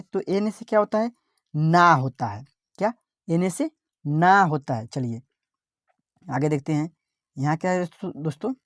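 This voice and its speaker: Low-voiced woman teacher spelling words. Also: darkish tone, no room sound, studio quality. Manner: spells out letters slowly, asks and repeats each word. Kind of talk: online spelling lesson.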